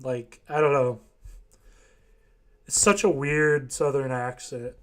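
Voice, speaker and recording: A man's voice: medium pitch, fairly even intonation, slow, a bit bright. A young man from Ohio in casual chat, rambling and hesitant, full of fillers. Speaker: voice chat participant.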